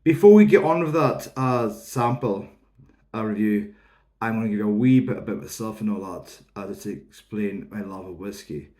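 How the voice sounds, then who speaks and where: Speaking at a moderate pace with a low, dark voice, a whisky reviewer talks informally to camera. He's a man in his thirties from the Isle of Lewis, Outer Hebrides, with a Hebridean Scottish accent, and his review rambles casually as he explains.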